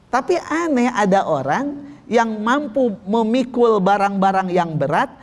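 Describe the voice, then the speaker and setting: A man's voice: high-pitched, measured pace. A man preaching a religious lecture, telling stories and asking the audience questions. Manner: lively, asks the audience questions. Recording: long hall reverb.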